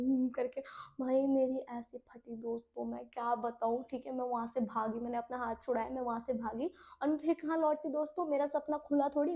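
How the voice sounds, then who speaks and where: Quick, high-voiced young woman telling a story. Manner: animated, addresses viewers as friends. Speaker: YouTuber. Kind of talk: casual storytime.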